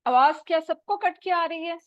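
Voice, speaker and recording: A woman's voice: very high voice, moderate pace, a bit bright, no room sound. A woman teacher giving an online lesson over a bad connection that keeps cutting her voice out, patiently quizzing students word by word. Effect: voice cutting out over a bad call connection. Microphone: video call. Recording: dull dry online call audio.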